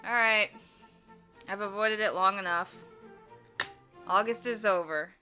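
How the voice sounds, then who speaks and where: A young woman chatting through a casual vlog with voiceover bits, full of quick self-mocking jokes. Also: medium pitch, pushed and bright, soft background music. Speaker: vlogger and touring puppet theatre performer.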